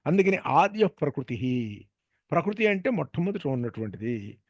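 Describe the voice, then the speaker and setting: A man's voice: on the high side, very animated, moderate pace, husky, no room sound. Man teaching grammar, asking and answering himself. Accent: Telugu. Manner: patient, asks and answers his own questions. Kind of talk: explanatory grammar lecture.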